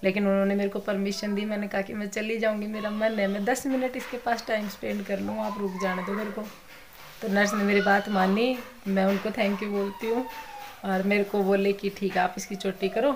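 A woman giving a soft-spoken, worried family update in a casual vlog, rambling on in long runs. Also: medium pitch, level tone, brisk, noisy background. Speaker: vlogger.

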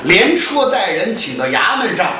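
A man telling a comic story on stage, with an animated, theatrical, colloquial way of talking. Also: high-pitched, moderate pace, slight background noise. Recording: roomy live hall, mic far off.

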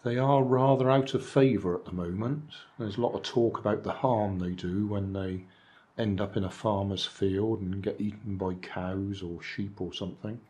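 This older man reviews charity shop finds for his vlog, showing them at an indoor table with his hands on camera and offering dry, chatty, musing asides. His mellow voice is lowish, fairly even in intonation, and moderately paced.

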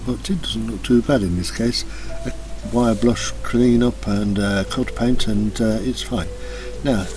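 A man narrating a slideshow of his motorbike restoration in a relaxed, hesitant way, with frequent ums and uhs. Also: on the low side. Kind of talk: casual voice-over commentary. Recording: voice-over with music playing behind.

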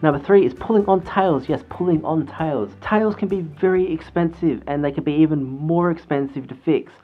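A man's voice: fairly high pitch, normal speed. A man giving chatty, earnest advice in a casual vlog while talking through a fursuit head. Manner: chatty, earnest, lecturing with restarts. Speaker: fursuit vlogger. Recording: dull lo-fi sound with faint music.

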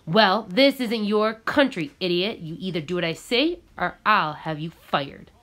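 A woman's voice: on the low side, lively intonation, normal speed. A woman reading aloud, voicing a harsh, bullying male farm labor boss in a storybook. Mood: angry. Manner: shouting, contemptuous.

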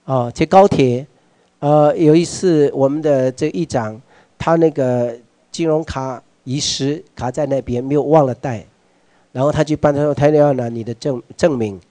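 A man with a Taiwanese accent giving a workshop lecture to a live audience. He puts questions straight to listeners and slips into Hokkien phrases, moving between quiet asides and loud urging. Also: medium pitch, normal speed, dry recording. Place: meeting hall with an audience.

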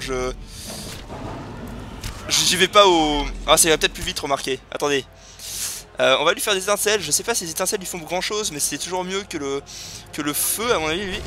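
A man hosting a casual let's play, excitable and chatty as he thinks aloud. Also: high voice. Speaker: gaming video host. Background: video game sounds.

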